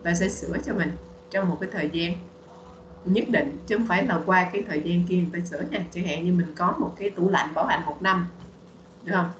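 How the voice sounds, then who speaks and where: A woman's voice: on the low side, quick pace, roomy sound, lo-fi sound, slight background noise. A woman teaching English on a video call, patiently repeating words for students to practice. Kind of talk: online bilingual English lesson.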